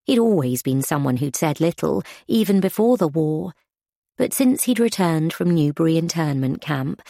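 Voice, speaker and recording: A woman narrates a story in a steady, even audiobook reading. Her voice is low, dark and gravelly. It is recorded close and dry. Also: no echo.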